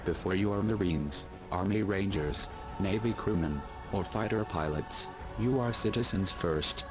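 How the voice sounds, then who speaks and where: Disguised deep man voice, very low, reading a formal statement steady and even, loud music under it. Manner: measured, even, formal delivery. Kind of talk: scripted statement read to camera audience. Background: loud music bed.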